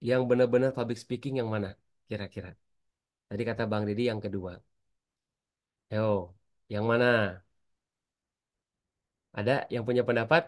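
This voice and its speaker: A man's voice: medium pitch, fairly even intonation, moderate pace, pauses often, darkish tone. A man teaching an online public speaking class, chatty and constantly asking his students for answers.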